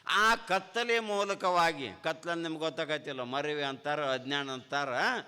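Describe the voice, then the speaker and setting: A man's voice: fairly high pitch, normal speed, pushed and bright, clear, resonant tone. A man, a swami giving a devotional sermon with a North Karnataka Kannada accent, asking rhetorical questions and repeating key phrases. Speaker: swami giving a spiritual discourse. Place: ashram hall. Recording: reverberant hall.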